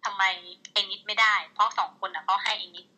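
A woman talks in a bright, sharp-edged tone with a husky, breathy grain. She is candid and gossipy, and drops casual swears. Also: medium pitch, fast talker, poor audio. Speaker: teacher, interviewee. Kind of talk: casual chat.

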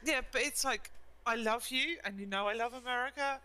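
Chatty British woman, bright voice. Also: on the high side, brisk, poor audio. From United Kingdom. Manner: chatty, laughs often, rambles. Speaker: co-host. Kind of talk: casual chat.

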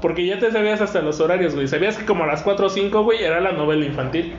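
A man's voice: high-pitched, rapid-fire. A man with a Mexican accent chatting casually as a podcast host, in slangy, swearing, bro-like banter. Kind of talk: casual group chat. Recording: roomy, slightly dull, music behind.

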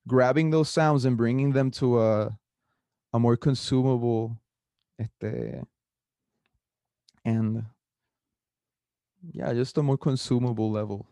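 A young man of twenty with a Puerto Rican Spanish accent, a musician answering interview questions in a relaxed, rambling way with many fillers. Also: mid-range voice, takes it slowly, vocal fry, long pauses, no room sound, studio quality. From Puerto Rico. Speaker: musician guest. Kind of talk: casual interview, mixing Spanish and English.

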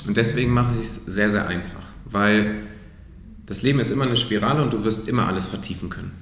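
A man with a fairly low voice talks as a breathwork coach in a relaxed podcast chat. He explains earnestly and now and then drops almost to a whisper to stress a point. The room around him sounds echoey. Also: quick pace, a little hiss or hum. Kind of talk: casual podcast conversation.

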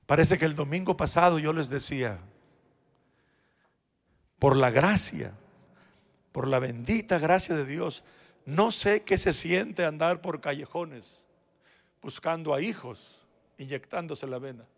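A man preaching a sermon as pastor in a church, turning from shouted exhortation to quiet, personal words to his flock. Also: a little high, measured pace, vocal fry, long pauses. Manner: swings between shouted exhortation and quiet, intimate asides; addresses the congregation directly and personally. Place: church sanctuary.

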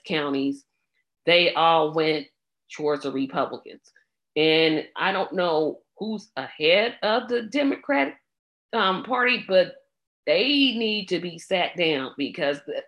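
A woman with a scratchy throat commenting on an election in a casual, blunt way. She speaks very slowly, with a somewhat low voice. She sounds exasperated and leans on filler ums between thoughts. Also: fairly bright tone. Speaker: political commentator.

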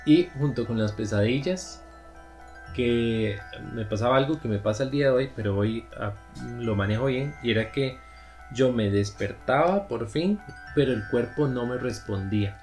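Costa rican guy on a podcast, laid back storytelling, medium pitch, faint music behind. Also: moderate pace. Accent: Costa Rican Spanish. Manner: relaxed storytelling with fillers. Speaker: podcast co-host. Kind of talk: casual chat.

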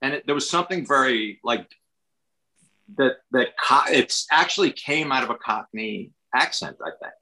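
American guy rambling on in a casual chat, bright voice, lots of restarts. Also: medium pitch, animated, normal speed, a little hiss or hum, poor audio. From Westchester, New York, USA. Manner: rambling, many restarts and fillers.

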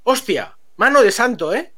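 A man tells a story to friends on a stream. He is animated and laughs often as the tale unfolds. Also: extremely high pitch, moderate pace.

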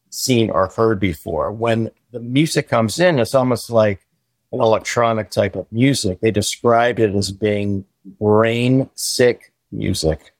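A man's voice: on the low side, dry recording. A man chatting as a guest on a podcast, eagerly sharing film trivia. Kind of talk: casual podcast chat.

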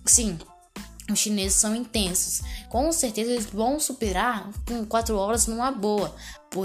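A woman with a Brazilian Portuguese accent hosting a casual solo podcast, talking in an excitable, slangy, rambling way. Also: mid-range voice. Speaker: podcast host.

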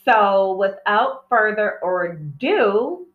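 Speaking very slowly in an expressive, medium-pitched voice, a woman runs her own candid, casual podcast, wandering off on tangents. A cell phone placed away from her in a plant-filled indoor room picks her up, giving a distant, dull, echoey sound.

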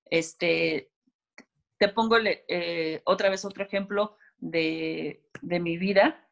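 A woman's voice: lowish voice, steady tone, takes it slowly, creaky, fairly bright tone. Woman explaining with personal anecdotes. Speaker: guest speaker. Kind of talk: casual conversation.

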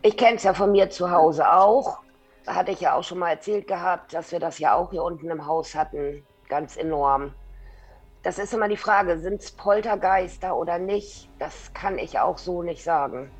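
A man's voice: high-pitched, normal speed, slightly rough, soft background music. A man co-hosting a casual discussion, speaking reflectively and weighing the possibilities.

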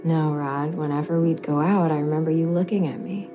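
A woman's voice: low voice, fairly even intonation, a little fast, over music, natural voice. A woman playing a cool, manipulative young woman. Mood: insinuating. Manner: cool, teasing, insinuating. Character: calm, manipulative young woman, coolly deceptive.

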